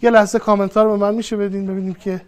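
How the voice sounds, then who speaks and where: A woman's voice: medium pitch, little pitch movement. A woman teaching a grammar lesson online, patiently repeating each rule and working through examples one by one. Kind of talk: online lesson, explaining step by step.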